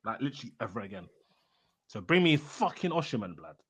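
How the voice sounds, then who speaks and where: A young man co-hosting a football podcast in casual, excitable chat, often laughing and talking in quick bursts. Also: mid-range voice, husky. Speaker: podcast co-host.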